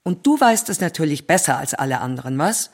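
A woman's voice: low voice, expressive, a little fast, darkish tone. A woman playing a snide former teacher who mocks and belittles, in a radio drama. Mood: scornful, affronted. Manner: mocking, belittling.

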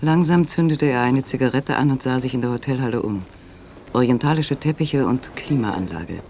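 A man narrating a radio play in a calm, measured way. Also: mid-range voice, creaky, slight background noise.

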